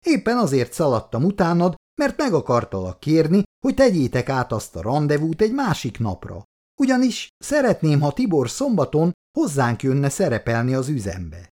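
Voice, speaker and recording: A man's voice: fairly high pitch, wildly swooping pitch, a little mellow, voice pushed up. A man voicing Icu, an eager young woman who organizes events at the factory, talking in a pleading, insistent way.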